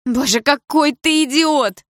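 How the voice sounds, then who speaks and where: A woman doing a shrill hysterical mother. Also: unhurried, no echo, studio quality. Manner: shrill, screaming back. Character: hysterical frightened mother, middle-aged woman.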